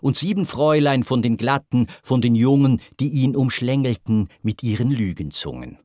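A man's voice: animated, normal speed, no room sound, clean studio sound. A man reading a verse tale aloud, changing his voice for each character. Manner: voices the characters with shifts in pitch and loudness. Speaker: narrator.

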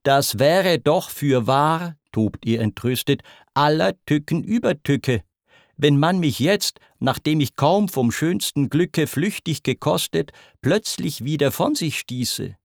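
A man's voice: on the high side, lively intonation, takes it slowly, few pauses, a little mellow, dry recording, clean studio sound, voice pushed up. Man doing lovesick boy god Eros. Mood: desperate. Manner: groaning, lamenting delivery.

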